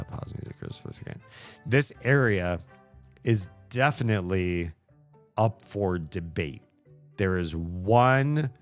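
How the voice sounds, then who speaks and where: A low-pitched man answers his stream chat in a relaxed, hesitant manner, musing aloud and filling gaps with frequent pauses and filler words.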